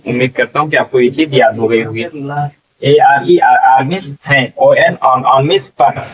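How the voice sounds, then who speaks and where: A male English teacher slowly sounding out words letter by letter in a spelling lesson, often checking in with the class. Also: medium pitch, breathy edge. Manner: slow, drawn-out syllable-by-syllable sounding out; frequent "theek hai" check-ins. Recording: distant, dull lo-fi recording.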